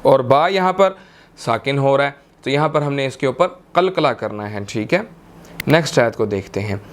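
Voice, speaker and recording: A man teaching Quran recitation rules step by step, patiently repeating each verse slowly. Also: mid-range voice, expressive, slight background noise. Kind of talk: slow step-by-step recitation lesson.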